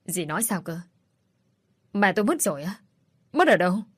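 A woman's voice: medium pitch, big pitch swings, moderate pace, husky, dry recording, studio quality. A woman voicing a determined young man who confronts his stepmother in a cold, accusing tone in a read-aloud story.

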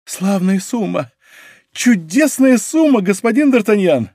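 A man voicing an excitable, loyal middle-aged grocer who bursts into exclamations. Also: high-pitched, normal speed, no echo, studio quality, pitched above the performer's own voice. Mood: amazed.

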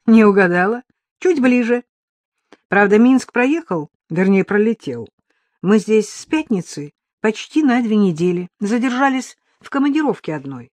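Woman reader doing an eager male friend for an audiobook, exclamatory and lively, dry close sound. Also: mid-range voice, normal speed, no echo, voice pushed up, close to an everyday voice. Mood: caring. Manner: exclamatory, excited. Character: cheerful loyal male friend on the phone.

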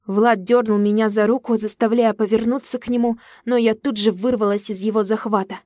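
A woman's voice: fairly high pitch, fairly even intonation, a little fast, warm tone, dry recording, studio quality. A woman narrating a story in the first person, with emotional storytelling. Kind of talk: audiobook narration.

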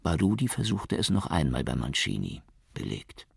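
A man narrates an audiobook in a very low, gravelly, husky voice, calm and measured. His telling is lively in pitch, and the sound is close and dry with no room. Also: no echo. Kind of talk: scripted narration.

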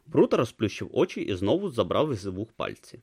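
A man narrating a comic fantasy novel as an audiobook, in an expressive storytelling read. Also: fairly low pitch, brisk, vocal fry, slightly rough, no echo, studio quality.

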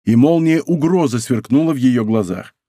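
A man reading a classic adventure novel as an audiobook, telling it in an expressive storytelling way on a close studio mic. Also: mid-range voice, moderate pace, no echo. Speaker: audiobook narrator. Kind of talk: scripted narration.

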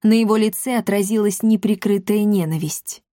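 A woman's voice: medium pitch, normal speed, dark tone, no room sound. Woman narrating, dry close recording. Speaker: audiobook narrator. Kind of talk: scripted narration.

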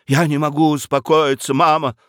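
A hot-headed nineteen-year-old male cornet, touchy and quick to anger, complaining in a high, strained voice full of indignation, as a man reads him aloud. His pitch leaps up and down with every grievance, and the reading is close and dry. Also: big pitch swings, creaky, a bit bright, breathy edge, dry recording, heavily acted. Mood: aggrieved. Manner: shrill, indignant outbursts.

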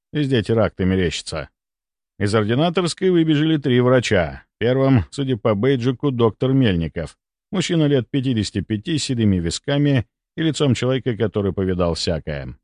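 Guy reading a first-person audiobook, sardonic, lively pitch, dead dry sound. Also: dry recording. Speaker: audiobook narrator.

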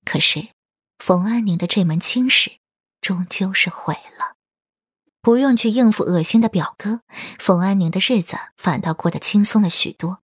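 A woman's voice: mid-range voice, moderate pace, breathy edge, no echo, clean studio sound. A woman narrator reading a scripted story for an audiobook. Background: background music.

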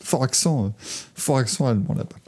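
Host, male, raspy edge, jokey and rambling. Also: medium pitch, fairly quick, darkish tone. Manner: joking, laughs often, trailing restarts. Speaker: podcast host. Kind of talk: casual motorsport chat.

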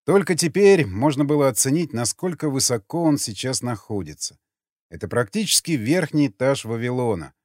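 A man giving an expressive, measured dramatic audiobook narration. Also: mid-range voice, no room sound. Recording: dry close mic, faint music.

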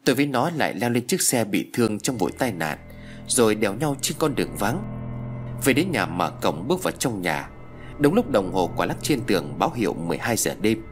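Lively low male storyteller. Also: a little fast. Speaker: audiobook narrator. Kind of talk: first-person storytelling. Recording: faint background music.

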